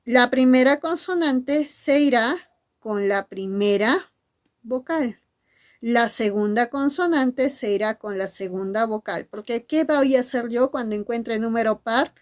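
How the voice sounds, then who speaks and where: Woman teacher, animated, fairly high voice, asks and answers questions. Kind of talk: classroom-style lesson to camera.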